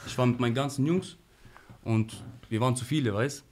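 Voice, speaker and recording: Young male interview guest, casual slangy storyteller, medium pitch. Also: brisk, slight background noise. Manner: animated, slangy, frequent "Bruder" and "weißt du".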